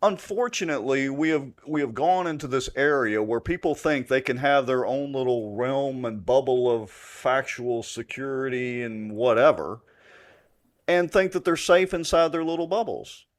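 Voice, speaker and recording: A man's voice: medium pitch, normal speed. A man co-hosting a political talk show, blunt and opinionated.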